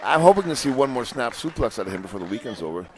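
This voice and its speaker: A man's voice: mid-range voice, very animated, rapid-fire, darkish tone, some chatter behind. A man giving conversational, emphatic analysis as color commentator on a lucha libre match. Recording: noisy outdoor live event sound.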